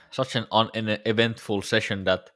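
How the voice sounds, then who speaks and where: With a lowish, somewhat bright voice that's a little worn, a weary man talks casually to viewers during his live trading stream. His manner is relaxed and reflective, recorded dry with clean studio sound.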